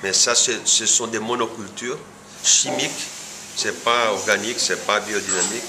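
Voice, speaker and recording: This coffee farm owner, a man in his forties with a Brazilian accent, speaks in a fairly low, steady voice that sounds pushed and bright. Seated on camera in a clearly noisy indoor room, he gives an informal interview. He explains things in halting non-native French, hunting for words and saying some of them twice.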